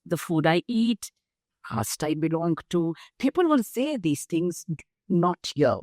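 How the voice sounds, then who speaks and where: An older woman with an Indian accent, interviewed as a guest. Her voice sits on the low side, and the recording is close and dry. She speaks in a measured, emphatic manner. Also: big pitch swings, darkish tone, dry recording. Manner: measured, emphatic, explains through lists of examples. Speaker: guest, nonprofit founder. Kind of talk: interview conversation.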